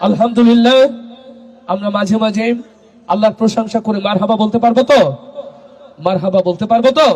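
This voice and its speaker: A man with a high voice addresses a large religious gathering through a stage microphone. He leads call-and-response, pushes the crowd to answer louder, and climbs into shouted chants. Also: fairly even intonation, fast, long pauses. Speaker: gazal singer leading a religious gathering. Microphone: stage microphone through a public address system.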